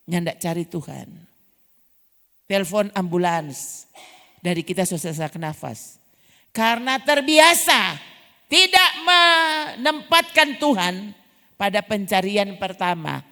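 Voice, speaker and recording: A woman's voice: mid-range voice, animated, takes it slowly, long pauses, sharp tone. A woman pastor with a North Sulawesi Manado Malay accent, preaching a sermon and firing rhetorical questions at the congregation. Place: large church hall. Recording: long church hall reverb.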